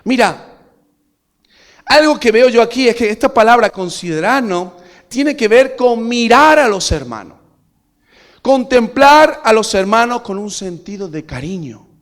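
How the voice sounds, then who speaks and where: A man from Spain preaching a sermon to a congregation. He keeps asking them rhetorical questions and swings from loud, emphatic peaks to quiet asides. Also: very high-pitched, expressive, a little slow. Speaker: pastor.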